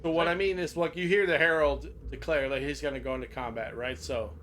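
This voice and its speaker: A man's voice: fairly high pitch, steady tone, fast, a bit bright, slight background noise. Chatty older man running a game. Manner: loose and chatty, keeps checking in with "right?". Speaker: game master. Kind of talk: running a tabletop game in casual chat.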